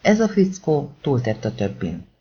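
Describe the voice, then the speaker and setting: A man's voice: medium pitch, huge pitch swings, warm tone, husky. A man reading a crime thriller audiobook aloud in a tense, dramatic storytelling manner. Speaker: audiobook narrator. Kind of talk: scripted audiobook narration. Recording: dull lo-fi recording.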